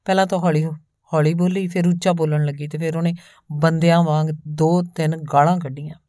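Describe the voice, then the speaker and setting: Low-voiced woman reading a story. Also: brisk, no room sound, clean studio sound. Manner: calm, even storytelling, voicing both the male narrator and the woman. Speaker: audiobook narrator. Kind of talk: scripted story narration.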